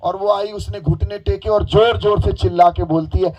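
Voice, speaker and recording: A hoarse man preaching a sermon, telling stories with animation and coaxing the crowd into call-and-response. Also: high voice, fairly even intonation, moderate pace, a little mellow, lo-fi sound, faint music behind.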